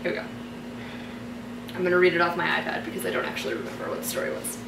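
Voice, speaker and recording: Speaking very fast with vocal fry, this woman has a fairly low, sing-song voice as she tells playful, chatty stories straight to camera. There's roomy echo, background noise, and a distant mic.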